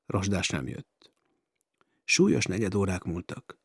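A man's voice: deep voice, sing-song, vocal fry, slightly rough, dry recording, clean studio sound. A man narrating an adventure novel as an audiobook, with dramatic storytelling. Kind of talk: scripted narration.

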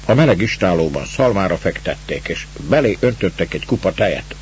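A low-voiced man reads a story in a steady, unhurried narrating tone. The recording sounds dull and lo-fi, and a faint hiss runs beneath it. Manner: measured, calm storytelling. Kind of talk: storytelling reading.

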